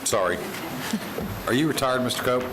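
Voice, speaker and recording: A man's voice: medium pitch, moderate pace, noisy background. A man speaks informally from a commission panel in a jovial, teasing manner. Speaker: county commissioner. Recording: loud crowd sound behind the voice.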